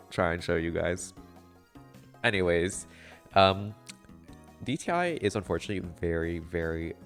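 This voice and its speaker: Young guy, really low voice, stuffy nose so kinda nasal, bit monotone, chill tutorial voiceover w quiet music behind. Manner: a little monotone, with frequent fillers. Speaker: game tutorial creator.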